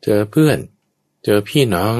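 A Buddhist monk gives a patient, explanatory Dharma talk in a conversational way, his voice a little mellow and his speed normal. Now and then he acts out everyday speech as examples.

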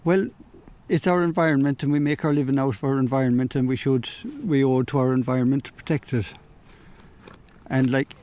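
A middle-aged man speaks reflectively and conversationally. His voice is mellow and relaxed, at a medium pitch. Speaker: fisherman. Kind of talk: conversational interview answers.

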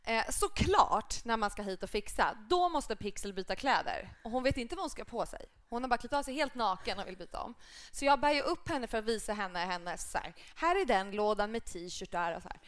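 A woman in her thirties co-hosts a live podcast. Her voice sits a little high and swings widely in pitch as she tells stories in a chatty, expressive way. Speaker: podcast co-host.

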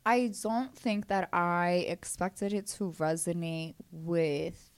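A woman's voice: fairly low pitch, steady tone, slow. A woman from Brooklyn with a Brooklyn accent, talking candidly and casually as an interview guest, blunt and slangy with frequent swearing. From Brooklyn, New York.

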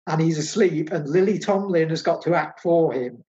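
A man's voice: on the high side, normal speed, dark tone, dull audio. A man co-hosting a casual film discussion, talking enthusiastically and repeating phrases for emphasis. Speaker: film podcast co-host.

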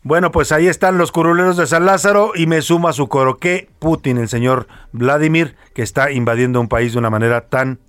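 A man's voice: a little high, a little fast, few pauses, a bit bright, clear, resonant tone. A man with a Mexican accent hosting a radio talk show and trading jovial banter with his co-hosts. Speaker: radio host.

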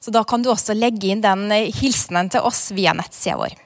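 A woman host giving a friendly closing announcement that thanks listeners and invites them to get in touch. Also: mid-range voice.

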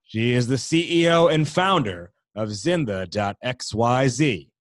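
A man hosting a podcast in a high-energy promotional announcer style, like an energy drink ad, stretching words for emphasis. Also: expressive. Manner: hyped announcer delivery with drawn-out emphasis. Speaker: podcast host.

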